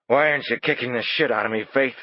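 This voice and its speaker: Drunk, bitter middle-aged man, slurred and rough, louder than the narration , a man doing the voice. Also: sits low, unhurried, dry recording, dull audio. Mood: anguished.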